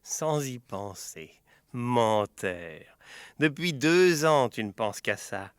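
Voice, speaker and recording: A man voicing a spiteful old female witch with a shrill, sour, nasty voice, reading a storybook tale. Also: lively intonation, slow, clear, resonant tone, no room sound, clean studio sound. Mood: gloating. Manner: sneering, taunting.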